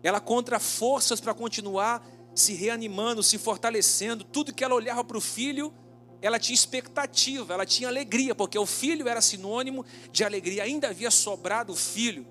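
A male pastor delivers a sermon as a vivid story, in a notably high voice. He draws out key phrases slowly for emphasis. Soft music plays faintly underneath. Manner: dramatic storytelling, slowing down for emphasis.

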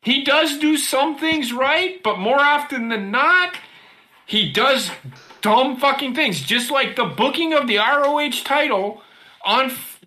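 A woman's voice: high voice, animated, a little slow, pushed and bright. A woman co-hosting a podcast, ranting heatedly and swearing freely in casual chat. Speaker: podcast co-host.

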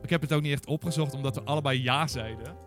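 Casual male podcast co-host, mid-pitch, playful quizmaster with a faint music bed. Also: fast, fairly bright tone. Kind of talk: casual gaming chat.

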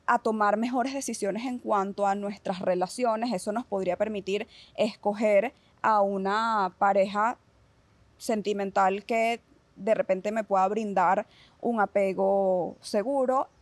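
A woman psychologist with a Venezuelan accent, calmly explaining ideas in a casual podcast conversation and checking in with her listeners as she goes. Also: medium pitch, a little slow, no echo. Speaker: psychologist guest.

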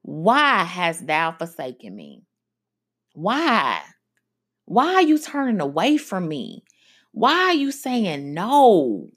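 A woman's voice: on the low side, wildly swooping pitch, slow, slightly rough, heavily acted. A woman voicing Jesus as an adult man, begging his father in rising, pleading tones. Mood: anguished.

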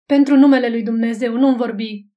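A woman reading an audiobook, voicing a cold, irritable young gentleman who snaps curtly. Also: fairly high pitch, fairly even intonation, distant mic, phone-quality sound, close to an everyday voice. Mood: irritated. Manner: curt and snapping.

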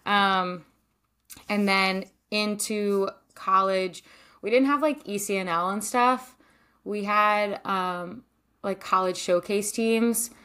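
A woman's voice: medium pitch, fairly even intonation, takes it slowly, pushed and bright, smooth. Chatty young woman, lots of likes. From Maryland. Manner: chatty, many likes and ums, laughs often. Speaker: podcast guest, former goalkeeper. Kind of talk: casual interview answers.

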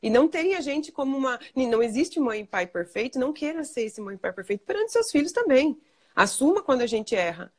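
A woman hosting a casual live chat about parenting, talking fast and acting out the things she and her young daughter say to each other. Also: sits high, slightly rough. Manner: fast, animated, acts out talks with her daughter. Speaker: host.

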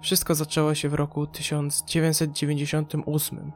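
Haunted withdrawn woman of forty remembering awful stuff, guy reading it, soft music under. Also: a little high, completely flat delivery, a little fast, close to an everyday voice. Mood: haunted, pained. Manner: withdrawn, pained recollection. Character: haunted woman of forty, former asylum patient.

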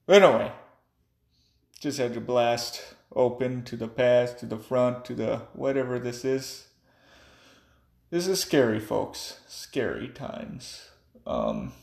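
A tipsy man rambling offhand in a casual vlog monologue, swinging between loud bursts and mumbles. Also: mid-range voice, vocal fry, roomy sound. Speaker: vlogger.

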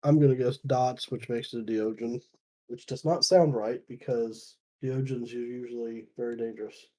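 A man chatting casually while playing a ghost-hunting game, low-key and trailing off into quiet mumbled asides. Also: fairly even intonation, normal speed, husky. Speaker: podcast co-host. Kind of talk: casual gaming chat.

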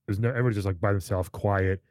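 A middle-aged man, a comedian, telling a story in a casual chat and jumping up high for the voices he quotes. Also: fairly even intonation, racing, a little mellow, no room sound, studio quality. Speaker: guest comedian.

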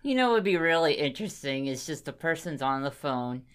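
A woman's voice: sits low, animated, fairly quick, clean tone. A woman co-hosting a podcast in casual chat, easily amused and laughing often. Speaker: podcast co-host.

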